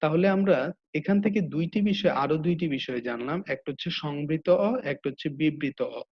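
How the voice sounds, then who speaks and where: A man's voice: fairly high pitch, brisk. A male teacher with a Bangladeshi Bengali accent gives a slide-based grammar lesson, patiently repeating each rule twice. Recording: dull lo-fi audio.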